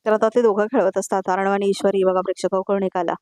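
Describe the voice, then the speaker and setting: A woman narrating a voice-over review of a TV serial episode, retelling scenes quickly and often addressing the viewers. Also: mid-range voice, flat delivery, darkish tone, dry recording, clean studio sound.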